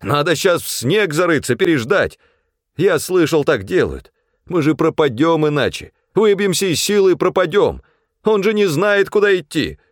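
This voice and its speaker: A man's voice: very animated, unhurried, hardly any pauses, dry recording, studio quality. A man voicing an irritable, panicking male supply clerk who whines and complains. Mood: panicky. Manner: whiny, shrill, complaining.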